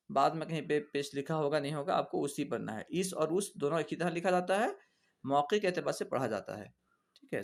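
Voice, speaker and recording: A man's voice: on the high side, creaky. A man teaching reading, spelling out letters and vowel marks one by one and repeating each word aloud for his students in a patient, instructive way. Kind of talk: classroom reading lesson.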